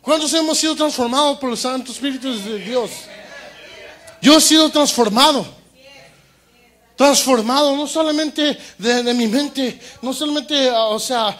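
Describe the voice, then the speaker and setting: A man preaching a sermon in church with passion, going from loud outbursts to hushed appeals. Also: very high voice.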